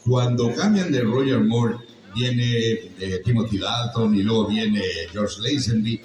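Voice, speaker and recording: His voice is mid-range with a darkish tone, and he takes his time. The speaker, an older Mexican-accented voice actor on a convention panel, tells stories to a live audience in a chatty, joking, teaching style, recorded from a distance in a large, echoing hall.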